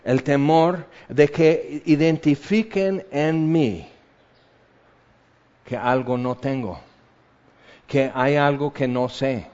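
American-accented man preaching with lively acted asides. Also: on the high side, takes it slowly, long pauses, highs cut off. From United States. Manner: animated, acts out imagined voices and questions. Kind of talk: sermon.

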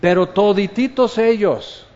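A man preaching a sermon, slow and measured, repeating key phrases for weight. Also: high voice, darkish tone. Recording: dull lo-fi sound.

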